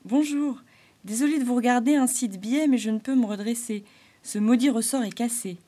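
A woman's voice: a little high, a little fast, dark tone, voice pushed up, close to an everyday voice. A woman voicing a cheerful male harlequin spirit bouncing on a spring, exclamatory and eager in a storybook reading. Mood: delighted.

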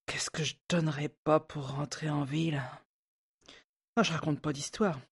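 An actress playing a resentful, anxious housemaid who complains and hesitates. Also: female voice, deep voice, steady tone, normal speed, breathy edge, full character voice. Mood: grumbling. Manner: complaining, fretful, hesitant with many fillers. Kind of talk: audio drama acting.

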